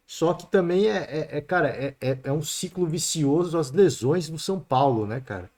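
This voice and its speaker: A man's voice: fairly high pitch, animated, normal speed, a little mellow. A man with a Brazilian accent hosting a sports podcast alone, giving casual football commentary in a chatty way. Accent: Brazilian Portuguese. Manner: chatty, peppers talk with "né" and "cara".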